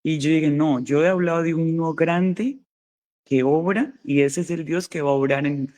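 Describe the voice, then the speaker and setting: A woman's voice: low-pitched, darkish tone. Fervent woman preacher. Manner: fervent, repetitive exhortation, slowing on key phrases. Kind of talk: sermon testimony.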